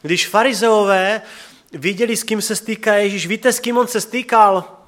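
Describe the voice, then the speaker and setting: A man in his thirties giving a sermon, earnest and conversational, often dropping to a soft, quiet voice. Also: high-pitched. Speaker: preacher.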